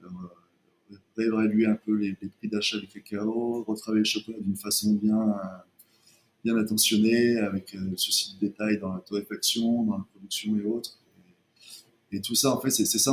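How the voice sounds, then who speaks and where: A man's voice: on the low side, little pitch movement, normal speed. A man, co-founder of a chocolate brand, talking casually as a guest in an interview, hesitant and full of restarts. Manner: hesitant, many restarts and fillers.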